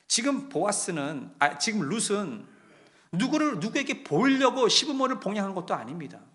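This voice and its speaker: Man preaching in a storytelling voice. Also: high voice. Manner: storytelling, swings between hushed and emphatic delivery; asks the congregation direct questions. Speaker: pastor. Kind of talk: sermon.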